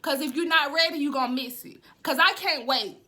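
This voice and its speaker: High, bright-voiced woman preaching. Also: a little fast. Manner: rising, emphatic preaching with repeated refrains. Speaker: prophetic speaker. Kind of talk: preaching a prophetic word.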